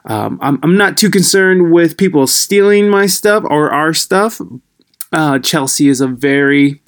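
Male podcast host, mildly high, halting and rambling, voice sits a bit high, tinny laptop-mic sound. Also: a bit bright, smooth. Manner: rambling, halting, loses his train of thought. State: a little high. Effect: recorded through a laptop's built-in microphone, tinny. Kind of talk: casual podcast intro. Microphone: laptop built-in microphone.

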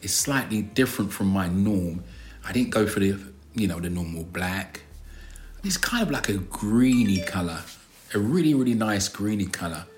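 A man's voice: fairly low pitch, lively intonation, normal speed, a little mellow. A man with a South London accent chatting casually as a co-host, drawing out his words with a little slang. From South London, England. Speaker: co-host of a couple's vlog. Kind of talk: casual chat.

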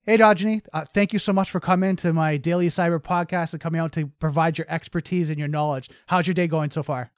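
A man's voice: a little high, fairly even intonation, fast, few pauses. A man hosting an interview podcast, upbeat and eager, asking a guest about his work. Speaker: podcast host. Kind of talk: casual interview chat.

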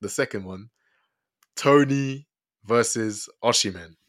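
A man's voice: mid-range voice, takes it slowly, a bit bright. A young man with a London accent, hosting a casual football discussion in slangy, repetitive phrasing. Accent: London, urban slang. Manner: slangy, repeats himself. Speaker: football podcast host.

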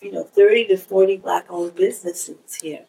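A woman in her forties who grew up in Kenya, a podcast guest telling stories in a relaxed way with frequent "you know". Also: mid-range voice, moderate pace, creaky, far from the mic, poor audio. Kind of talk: casual conversation.

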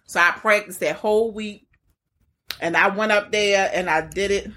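A woman's voice: medium pitch, steady tone, normal speed, pushed and bright. A woman with a Baltimore accent chatting candidly and telling stories as a comedian guest on a podcast, blunt, slangy and freely swearing. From Baltimore, United States. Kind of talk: casual candid chat, storytelling.

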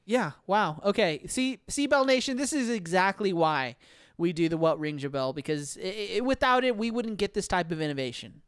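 A man's voice: sits high, animated, moderate pace, a bit bright, clean tone, no echo, clean studio sound. A man hosting a casual podcast, joking around and filling gaps with lots of ums and uhs. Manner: laid-back, joking, lots of fillers. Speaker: podcast host.

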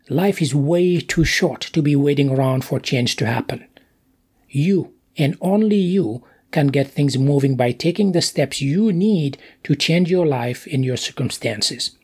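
A man hosting a motivational podcast, speaking in an emphatic monologue full of deliberate stresses. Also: a little high, breathy edge.

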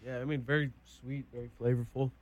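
A man's voice: mid-range voice, little pitch movement, fast talker, darkish tone. A young man tasting food on a casual show, giving short clipped verdicts. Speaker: guest taster. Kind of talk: casual food taste-test chat.

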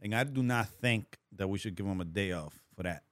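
A man's voice: on the low side, brisk, dry recording, studio quality. A man co-hosting a podcast in casual chat, rambling and restarting his sentences. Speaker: podcast co-host.

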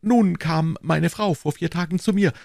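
A man's voice: a little high, normal speed, creaky, darkish tone, no room sound, clean studio sound, pitched above the performer's own voice. A man voicing a talkative, deferential married man who confides at length in a polite, rambling way. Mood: confiding.

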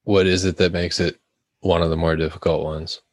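A man's voice: deep voice, little pitch movement, a little fast, dry recording, studio quality. A man co-hosting a music podcast, asking short questions. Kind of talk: casual music podcast chat.

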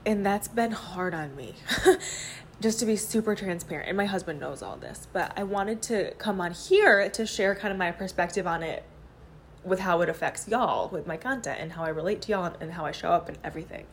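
A woman hosting a podcast, recorded as a phone voice memo while walking around her apartment, talking in a candid, rambling, out-loud journaling way with lots of fillers. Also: on the low side, fairly quick, slight background noise. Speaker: podcast host.

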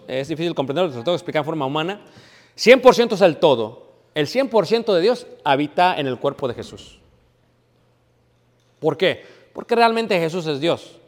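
Preacher guy, kinda high voice, big echoey hall, keeps asking and answering himself. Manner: emphatic teaching, asks and answers his own questions; drops to a quiet, low voice when telling a personal story. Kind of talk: sermon. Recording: hall with long reverb.

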